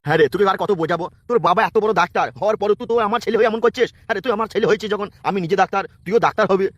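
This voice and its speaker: A man's voice: sits high, racing, no room sound, highs cut off. An actor playing an exasperated middle-aged doctor father in a comic cartoon, scolding and ranting.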